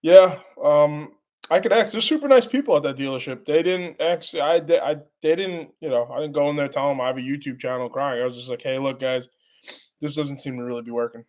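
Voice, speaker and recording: A man's voice: fairly high pitch, a little mellow. A congested man hosting a casual live stream, rambling and restarting his sentences as he answers the chat. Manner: rambling, halting, many restarts.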